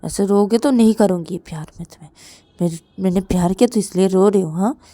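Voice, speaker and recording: A doting middle-aged mother coaxes gently and repeats her questions, as a woman storyteller puts her on. Warm, mellow tone in a dry, close recording. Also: medium pitch, unhurried, dry recording, close to an everyday voice. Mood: coaxing concern. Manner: coaxing, repetitive questioning.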